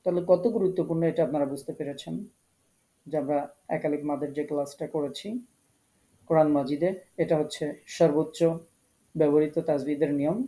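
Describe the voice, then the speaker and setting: A man teaching an online Quran recitation class, explaining each point patiently and repeating key rules slowly. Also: on the high side, fairly even intonation, warm tone, low-quality recording. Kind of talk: online tajweed class lecture.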